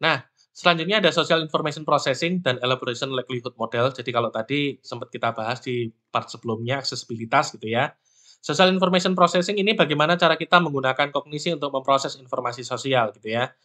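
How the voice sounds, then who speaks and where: A man gives a relaxed, conversational lecture, explaining ideas with many fillers and self-corrections. His voice is bright and forward, at a middling pitch. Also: fast talker. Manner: chatty, frequent fillers and restarts. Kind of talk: casual lecture.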